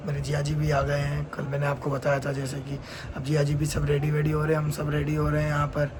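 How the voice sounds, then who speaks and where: A man's voice: a little high, monotone, quick pace. A young man, chatting casually to his vlog audience from his family home, repeating words in pairs as he talks. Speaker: vlogger. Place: family home on a rainy day. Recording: phone recording with loud background noise.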